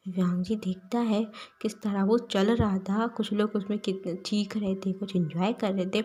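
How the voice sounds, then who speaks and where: A woman narrating a fan-fiction story in a casual storytelling way, with a soft, breathy delivery. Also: medium pitch, steady tone, moderate pace.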